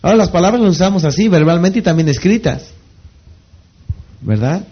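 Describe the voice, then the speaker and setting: A man with a Mexican accent giving a motivational seminar talk as a network marketing trainer. He keeps asking rhetorical questions and pauses for the audience to finish his sentences. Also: high voice, lively intonation, slightly rough, lo-fi sound. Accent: Mexican Spanish. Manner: rhetorical questions, pausing for the audience to fill in words.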